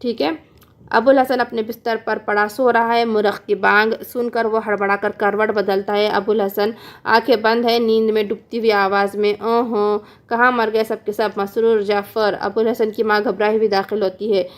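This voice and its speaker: A woman tutor reading a play and its stage directions aloud for a class, steady and even. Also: mid-range voice, normal speed.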